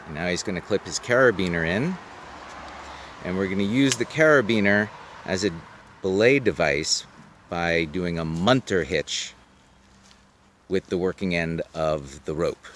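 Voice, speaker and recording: A man with a low voice narrates a demonstration as an instructor. He explains each step plainly, outdoors, with some faint noise on the recording. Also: animated, unhurried, long pauses, a bit bright. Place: outdoors on a wooded slope.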